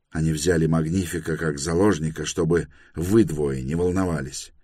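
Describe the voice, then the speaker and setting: A man's voice: very deep voice, a little mellow, husky, no room sound, clean studio sound, full character voice. A man voicing a curt, bitter male spaceship captain in an audiobook. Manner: curt, grim.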